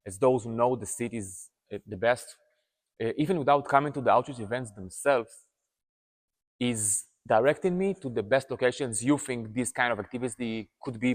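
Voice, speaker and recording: Talking to camera while seated indoors, an Israeli-accented man in his thirties, a native Hebrew speaker, earnestly urges viewers as an activist. He uses plenty of fillers and keeps restarting words. His medium-pitched voice, recorded on a lapel mic, carries a big-room sound.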